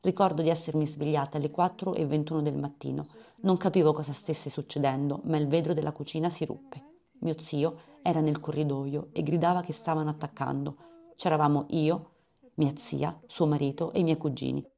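A woman reading the Italian voice-over of a girl's testimony, calm and steady. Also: sits low, a little fast, vocal fry.

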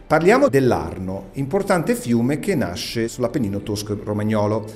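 A man's voice: medium pitch, sing-song, moderate pace. A man hosting a radio quiz in speech, chatty, teasing and encouraging with his guests. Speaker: radio quiz show host. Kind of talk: playful live quiz interview.

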